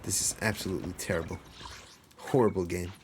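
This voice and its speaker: A man's voice: low-pitched, steady tone, fairly quick, noisy background. A man streaming a story game live, joking and talking back at the characters in slang. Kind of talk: casual live-stream commentary over a game.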